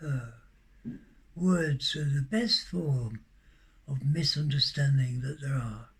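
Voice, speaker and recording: A man hosting a monk's podcast, telling a rambling personal anecdote in a halting way, with restarts and occasional coughs. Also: medium pitch, breathy edge. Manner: gentle closing blessing. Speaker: monk podcast host.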